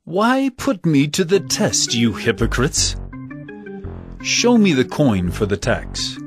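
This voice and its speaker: An actor playing Jesus as an authoritative teacher in a dramatized scripture production, speaking emphatically. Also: male voice, mid-range voice, huge pitch swings, takes it slowly, music in the background. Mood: challenging. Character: Jesus, an authoritative male teacher telling parables.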